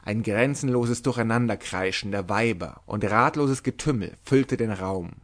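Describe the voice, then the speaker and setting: A man narrating a literary novel aloud in a measured, dramatic storytelling manner. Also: on the low side. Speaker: audiobook narrator.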